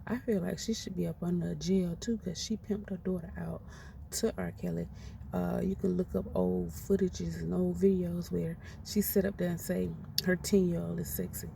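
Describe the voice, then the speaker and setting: Gravelly blunt woman in her forties. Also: lowish voice, little pitch movement, normal speed, dark tone. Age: 40s. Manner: blunt, outspoken, profane. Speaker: commentator ranting on a podcast. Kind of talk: casual opinion rant. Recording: noisy, distant from the mic.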